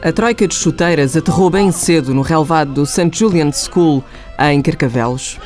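A woman's voice: deep voice, normal speed, over music. A woman with a European Portuguese accent narrating a scripted news report as a radio reporter.

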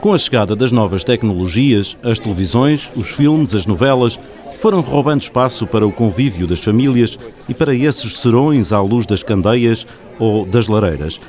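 A man's voice: on the low side, expressive, normal speed, darkish tone. A man with a European Portuguese accent reading scripted documentary narration in a storytelling style. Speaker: radio reporter and narrator.

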